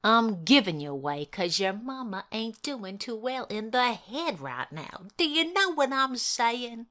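Woman as a troubled young mother, pleading, loud and high. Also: big pitch swings, unhurried, exaggerated voice. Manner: pleading, earnest. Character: troubled young mother giving up her child.

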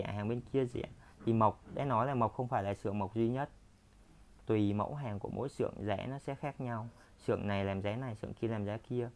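Filmed on a handheld phone, a man with a mid-range, darkish voice walks through the furniture in his workshop, making his sales pitch. He is chatty and repetitive, leaning heavily on fillers.

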